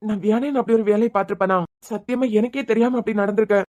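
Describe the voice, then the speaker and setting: Woman doing subdued guilty young dad, Kanyakumari Tamil accent, soft pleading, cartoon. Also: mid-range voice, fairly even intonation, racing, natural voice. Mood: remorseful. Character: guilt-ridden young father, soft-spoken man.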